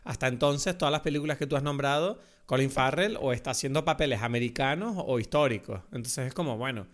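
A man's voice: mid-range voice, quick pace. A man with a Venezuelan accent, co-hosting a podcast and chatting about films in long, rambling turns. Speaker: podcast co-host. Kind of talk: casual film chat.

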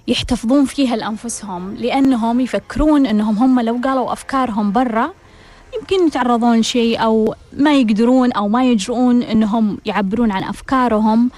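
A woman's voice: fairly high pitch, brisk, darkish tone, no echo. A woman radio host, giving a reflective monologue with rhetorical questions and repeated key phrases.

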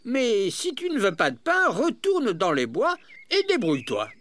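A storyteller voicing a cheerful, patient farmer explaining things in a storybook reading, lively and raised in pitch. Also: measured pace. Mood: teasing. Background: soft music.

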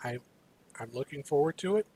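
A man's voice: a little high, animated, a little fast, dark tone, husky, poor audio. A man co-hosting a casual gaming news show, running through a schedule playfully with a few fillers. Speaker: co-host. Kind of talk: casual esports news chat.

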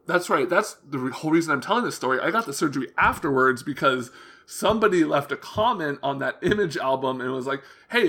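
A young man with prominent vocal fry talking openly in a casual interview, earnest and rambling, often backtracking as he tells his story. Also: mid-range voice, fairly bright tone. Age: young adult. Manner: hesitant, rambling, self-correcting storytelling; open, earnest. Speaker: interview guest.

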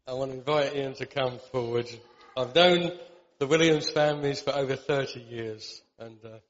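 A man at a church service introduces the next speaker, clearing his throat and hesitating between phrases. His voice is muffled, with a long reverb from the hall. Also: medium pitch. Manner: halting, with throat clearing and fillers. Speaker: church leader introducing the guest.

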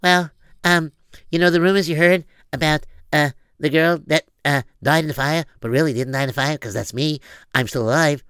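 A man's voice: a little high, steady tone, fairly bright tone, clean tone, dry recording, pitched below the performer's own voice, close to an everyday voice. A man voicing a young woman who hesitates and stumbles over her words. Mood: earnest. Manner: halting, many fillers.

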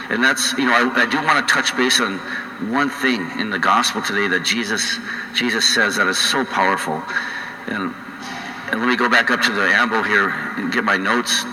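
Male priest, middle-aged, North Dakota accent, conversational homily with pauses, bright forceful tone, long church reverb. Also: lowish voice. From North Dakota, United States. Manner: conversational, halting, with frequent pauses. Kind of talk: homily to a congregation. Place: large church indoors.

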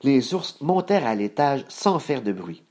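Low mellow guy reading a kids story, lots of lift and swing. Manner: expressive, measured reading.

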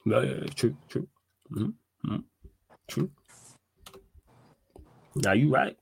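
Husky London roadman-accented man, slangy. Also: medium pitch, big pitch swings, takes it slowly. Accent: London, urban slang. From United Kingdom. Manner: slangy street-style talk, repeats himself for emphasis. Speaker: host of a football fan livestream. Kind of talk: casual live sports chat.

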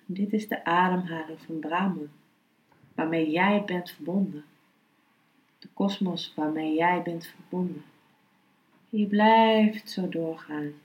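A woman speaking as a meditation and philosophy teacher, calm, unhurried and instructive. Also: fairly low pitch, lo-fi sound. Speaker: yoga philosophy and meditation teacher, podcast host. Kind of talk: spoken lesson, then slow guided meditation. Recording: roomy, echoing sound.

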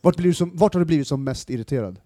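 A man with a somewhat higher, mellow voice hosts a casual podcast interview. He asks loose, easygoing questions and swears lightly. The sound is dry. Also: expressive, dry recording. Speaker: podcast host.

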